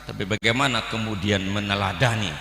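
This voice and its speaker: A man with a Jakarta Betawi accent delivering a humorous, blunt sermon, moving from calm teaching to loud outbursts. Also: fairly low pitch, a little fast, creaky, reverberant, long reverb tail, slight background noise. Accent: Jakarta Betawi Indonesian. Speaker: preacher. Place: large hall at a memorial gathering.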